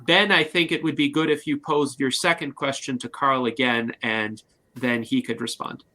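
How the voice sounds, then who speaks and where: Formal, measured male interview host. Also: mid-range voice, steady tone, sharp tone. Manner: measured and formal, in long sentences.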